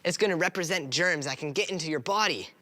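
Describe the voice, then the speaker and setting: A woman's voice: deep voice, fast, pushed and bright, slight background noise. A woman hosting a children's science show, bouncy and playful. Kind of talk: upbeat kids' science presenting.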